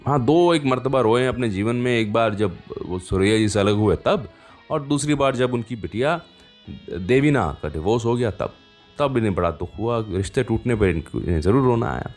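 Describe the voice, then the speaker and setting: A man hosts a radio show, chatting with listeners and telling anecdotes conversationally, with frequent asides, as he presents between songs. His medium-pitched voice is animated and moves at a moderate pace. Faint music plays behind him.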